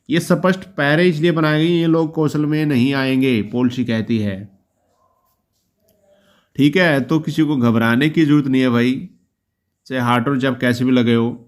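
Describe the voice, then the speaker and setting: A man hosting his own channel, talking through a job policy in an informal, reassuring way and often closing a point with a quick check-in. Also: mid-range voice. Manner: explanatory, reassuring, often ends points with "ठीक है". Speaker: YouTube channel host explaining job policy. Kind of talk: informal explainer talk.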